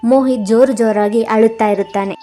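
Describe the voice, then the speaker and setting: A woman narrating an animated moral story in a plain, steady storytelling voice. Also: fairly high pitch, fairly quick.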